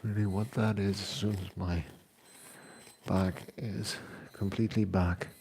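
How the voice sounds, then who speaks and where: A man in his forties, a fitness vlogger talking in a casual, unhurried way from his kitchen, pausing often with fillers. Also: lowish voice, little pitch movement, creaky, a little mellow, a little hiss or hum. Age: 40s. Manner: unhurried, reflective, pauses with fillers. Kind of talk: casual chat. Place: home kitchen.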